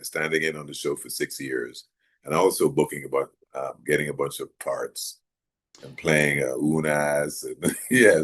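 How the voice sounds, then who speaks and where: A middle-aged man from Jamaica, raised in Maryland, chatting in an interview in a relaxed, rambling way with many fillers. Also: a bass voice, a little hiss or hum. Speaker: actor guest. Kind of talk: casual interview chat.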